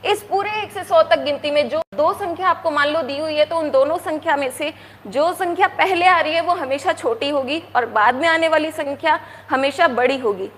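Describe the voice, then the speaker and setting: A woman teaching counting to young children in a coaxing way, asking if they follow and counting aloud slowly. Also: high voice, a bit bright, in a large hall, slight background noise. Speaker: primary school teacher. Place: classroom with a board.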